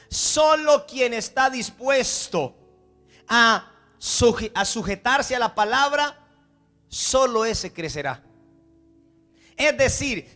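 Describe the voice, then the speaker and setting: A man's voice: very high voice, bright, forceful tone. A man pastor preaching a sermon with passion, acting out the voices of the people he quotes.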